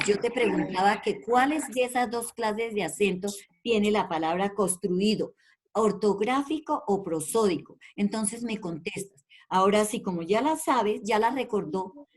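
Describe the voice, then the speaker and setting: A woman's voice: medium pitch, a little slow. Patient woman teacher on a video call. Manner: patient, calls pupils by name and repeats questions; affectionate with pupils. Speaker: primary school teacher. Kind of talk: online class lesson.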